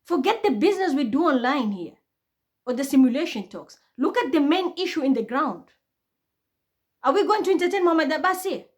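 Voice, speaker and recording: An online commentator with a Kenyan accent delivers a blunt, impassioned monologue, swearing freely and working up to outbursts. Her voice is high-pitched and animated, and she speaks briskly.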